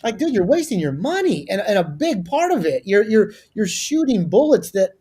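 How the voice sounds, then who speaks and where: A man's voice: sits high, big pitch swings, normal speed, mellow, husky. A male guest on a business talk show who gives advice with energy and emphasis, often restarting his sentences.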